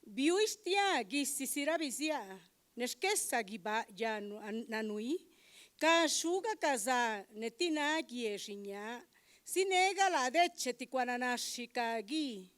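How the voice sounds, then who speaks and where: A woman reading a poem aloud slowly and deliberately at a public recital. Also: fairly high pitch, lively intonation, a bit bright. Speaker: poetry reader. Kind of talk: recited poetry. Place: legislative chamber event.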